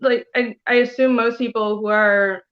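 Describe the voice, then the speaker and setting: A woman's voice: on the high side, steady tone, moderate pace, lo-fi sound. A woman in her thirties from Taiwan, a comic artist guest, chatting casually and rambling with lots of "like" and "you know". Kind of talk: casual interview chat.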